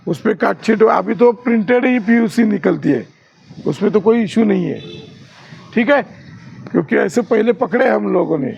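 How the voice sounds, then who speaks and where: A man's voice: high voice, vocal fry, a little mellow, a little hiss or hum. A man training security guards in class, quizzing the trainees with questions and showing rude and polite ways to talk.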